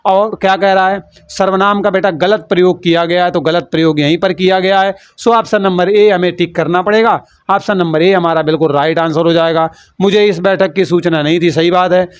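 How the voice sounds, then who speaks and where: A man's voice: high voice, steady tone, brisk, few pauses, clean tone, dry recording, dull audio. A man teaching a lesson for an exam, explaining in a playful, teasing way and calling the students "beta".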